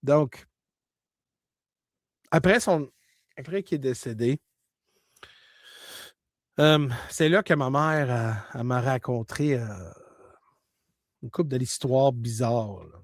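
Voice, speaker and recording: A man's voice: medium pitch, slow, long pauses, dry recording, clean studio sound. A man with a Québécois French accent telling a personal story in a casual, conversational way, often checking in with his listener. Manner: conversational, peppers talk with "là" and "tu comprends"; animated, shifting between loud bursts and hushed tones.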